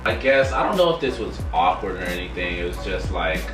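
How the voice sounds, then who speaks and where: A man's voice: low-pitched, very animated, a little fast, distant mic. A young man vlogger casually telling stories about his life, with a laid-back manner and many "like" fillers. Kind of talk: casual storytelling. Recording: roomy sound from off the mic, music behind.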